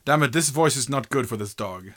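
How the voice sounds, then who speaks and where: A man's voice: mid-range voice, expressive, brisk, fairly bright tone. A man narrating a tabletop game casually as game master, informal and joking, with sweary asides.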